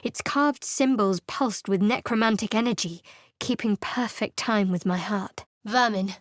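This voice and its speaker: A medium-pitched actress, lightly acted and measured in pace, reads video game character lines into a close studio mic, no echo. Her role is a young woman cleric who is guarded and sardonic, and the delivery is dry and wry.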